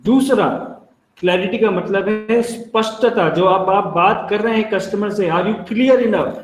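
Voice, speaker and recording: Indian guy teaching telecalling, kinda high voice, talks to everyone like friends, echoey room. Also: measured pace, music in the background. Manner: explains with everyday examples, addresses listeners as friends. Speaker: telecalling trainer. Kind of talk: training lecture.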